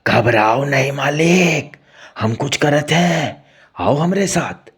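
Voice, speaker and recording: Man doing a slow gravelly village servant. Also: a little high, animated, a bit bright, pitched above the performer's own voice, heavily acted. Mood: earnest, urgent. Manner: slow, drawling rural dialect speech. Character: humble village servant man, earnest, fearful.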